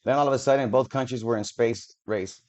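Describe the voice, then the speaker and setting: A video creator talks a little fast in a mid-range, slightly mellow voice while reading official documents to the camera. He stumbles over words and stops for casual, profane asides, heard through dull lo-fi audio.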